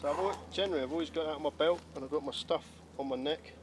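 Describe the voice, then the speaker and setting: A man's voice: on the high side, racing. A British man in casual, matter-of-fact conversation outdoors, talking like one bloke to another. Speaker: bushcraft companion. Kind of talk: casual chat. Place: outdoors among undergrowth. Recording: distant mic, clear background noise outdoors.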